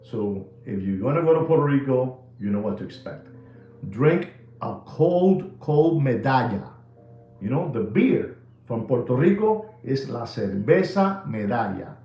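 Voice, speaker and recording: Hosting a live watch podcast, a sixty-something New Yorker tells rambling, jokey, animated stories laced with slang. He speaks unhurriedly at a medium pitch. The sound is roomy and muffled, with soft background music.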